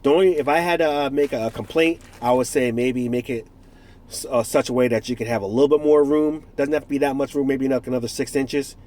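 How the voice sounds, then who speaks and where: Speaking fast in a darkish, medium-pitched voice with fairly even intonation, a US man in his forties gives a casual product review. He has a cold that blocks his nose, and his talk wanders, doubles back on itself, and includes jokey asides.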